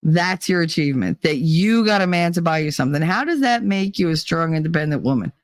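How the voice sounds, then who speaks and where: Her voice sits low and sounds expressive and brisk, with no echo. She's a middle-aged livestream host who goes through chat, rants without holding back, and ridicules people by laughing and doing silly voices in casual, opinionated banter.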